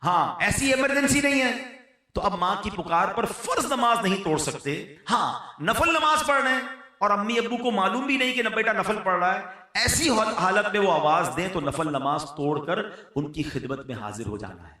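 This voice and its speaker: A man with a Pakistani Urdu accent giving an earnest religious sermon, rising to emphatic lines and dropping to soft ones. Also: sits high, animated. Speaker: preacher. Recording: echoey hall, voice from far off.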